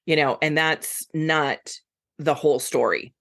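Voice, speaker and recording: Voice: mid-range voice, a little slow, gravelly, a bit bright. A podcast co-host chatting casually and backing up the other speaker with frequent short agreements. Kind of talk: casual conversation.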